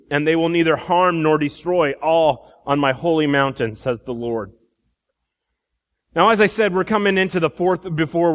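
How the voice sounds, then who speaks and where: A preacher giving a sermon at a pulpit microphone, in a relaxed teaching tone with frequent restarts. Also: male voice, fairly high pitch, in a large hall.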